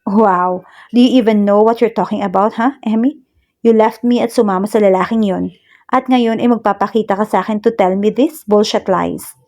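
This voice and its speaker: A woman's voice: medium pitch, fairly even intonation, moderate pace, warm tone, natural voice. A woman voicing a cold, angry wealthy young man who curtly turns his ex away. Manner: curt, contemptuous.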